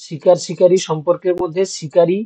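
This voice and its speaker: A man's voice: high-pitched, little pitch movement, fairly quick, mellow. A man teaching an exam-prep lecture, explaining step by step and asking his students checking questions. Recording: dull lo-fi.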